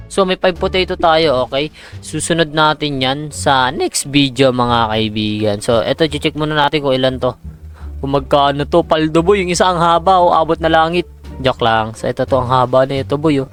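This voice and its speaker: A man giving casual, excitable commentary on a farming game, with exclamations over big crops. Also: mid-range voice. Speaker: gaming streamer. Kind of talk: casual Roblox gameplay commentary.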